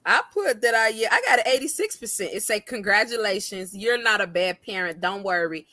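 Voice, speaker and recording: A woman's voice: medium pitch, animated, a little fast, sharp tone, no room sound. A woman co-hosting a casual chat show, a mother who is playful and laughs often. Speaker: co-host.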